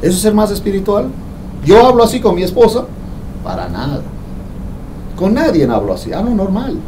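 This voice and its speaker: A man's voice: sits high, big pitch swings, normal speed, far from the mic, background noise. Conversational man preaching from afar. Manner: conversational, jokes with the congregation. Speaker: pastor. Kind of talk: sermon. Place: church hall.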